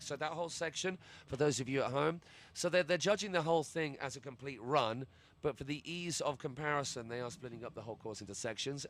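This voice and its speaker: A man with an English accent giving live sports commentary, chatty and colloquial, with jokey asides. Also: mid-range voice. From England.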